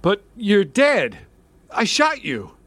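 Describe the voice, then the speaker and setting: An actor playing a vain, flustered middle-aged lothario in a comedy audio drama, with a hammy delivery. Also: male voice, high voice, wildly swooping pitch, slow pace, a bit bright, no room sound, exaggerated voice. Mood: stunned, sentimental.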